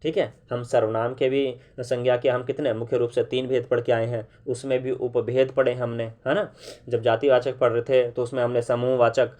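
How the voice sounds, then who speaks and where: A male grammar teacher talks through an online lesson at an easy, unhurried pace. He repeats each new term, asks the viewers questions and keeps checking that they are with him. His pitch sits right in the middle for a man. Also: flat delivery, darkish tone. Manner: explains slowly, with frequent "है ना" and "ठीक है" check-ins; repeats key terms for emphasis and puts questions to viewers. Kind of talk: classroom-style online lesson.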